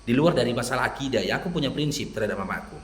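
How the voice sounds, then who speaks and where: Lively Medan-accented man preaching. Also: mid-range voice, racing, echoey room. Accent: Medan Indonesian. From Medan, North Sumatra. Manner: lively storyteller who acts out quoted dialogue. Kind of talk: persuasive religious talk to a listener.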